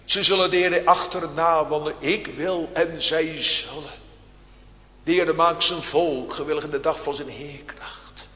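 A man preaching a sermon in a church, speaking slowly and solemnly, with rising, emphatic outbursts. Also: a little high, fairly even intonation, bright, forceful tone, echoey room, big-room sound.

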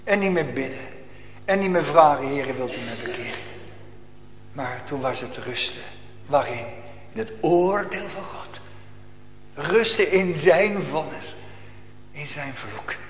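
A man preaching a sermon as pastor, swinging between loud declaiming and hushed near-whispers. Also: on the high side, animated, slow pace, long pauses, a little hiss or hum. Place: church. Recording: echoey church hall.

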